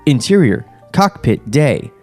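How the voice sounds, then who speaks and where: A podcast host reads a screenplay's stage directions aloud during a script table read, dry and wry, chuckling and tossing in sarcastic asides. His mid-range voice has big pitch swings, a darkish tone, and a slightly slow pace. He's on a studio podcast mic with soft music in the background.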